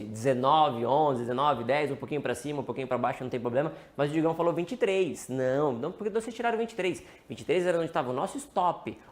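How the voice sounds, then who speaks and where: Animated Brazilian trading instructor, man. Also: a little high. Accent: Brazilian Portuguese. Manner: animated, asks and answers his own questions, calls out to viewers. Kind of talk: live-streamed trading lesson.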